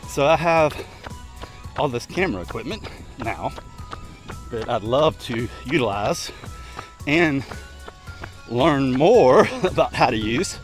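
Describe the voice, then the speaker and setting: A middle-aged man chatting casually and ramblingly to his vlog while running, in short broken phrases with pauses. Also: mid-range voice, animated, soft background music, low-quality recording. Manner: talking while running, slightly effortful. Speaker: vlogger. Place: outdoors, on the move.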